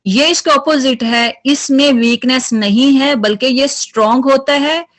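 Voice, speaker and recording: A woman's voice: sits high, unhurried. A woman teaching Quran recitation in an online lesson, repeating letter sounds over and over as drills.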